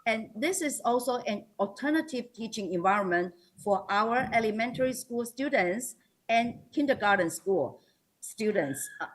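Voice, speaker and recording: The audio is poor, but her voice comes through as a little high and expressive. A Taiwanese-accented woman acting as school principal gives a formal slide presentation, speaking haltingly with many hesitations and self-corrections.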